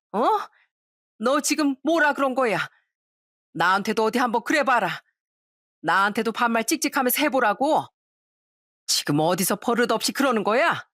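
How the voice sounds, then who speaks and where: Casting: a stern older mother-in-law, played by a woman, scolding loudly with a raised pitch. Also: no room sound, studio quality, lightly acted. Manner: scolding, shouting.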